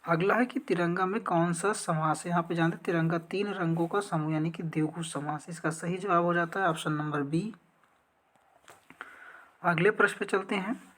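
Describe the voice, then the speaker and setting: A woman with a lowish voice and a steady tone speaks at a normal speed. She is an exam coaching teacher working through practice exam questions step by step, often posing a question and then answering it herself.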